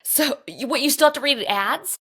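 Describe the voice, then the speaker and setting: A woman co-hosting a podcast from a home in the Los Angeles area tells a rambling, chatty story packed with "like." Her voice is high-pitched, expressive, bright and forceful, at a normal speed. The casual storytelling is slightly rough in audio quality.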